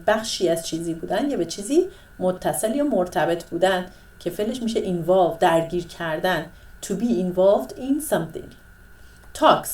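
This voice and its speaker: A woman's voice: mid-range voice, a little mellow, recorded from a distance. Woman teaching english words, voice rises and falls a lot, echoey room, a bit off mic. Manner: explains step by step, reads English phrases slowly. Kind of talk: lesson explaining English words in Persian.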